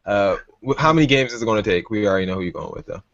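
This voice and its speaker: A man's voice: lowish voice, animated, racing, fairly bright tone, no room sound. Brash, teasing male podcast host. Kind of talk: casual sports talk. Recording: dull lo-fi recording.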